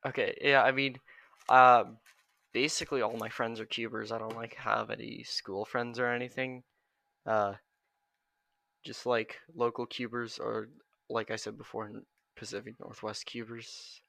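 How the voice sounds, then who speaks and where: A man's voice: medium pitch, level tone, moderate pace, creaky, pushed and bright, no room sound. A teenage boy chatting as a podcast guest, hesitant and full of fillers. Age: teens. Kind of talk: casual podcast chat.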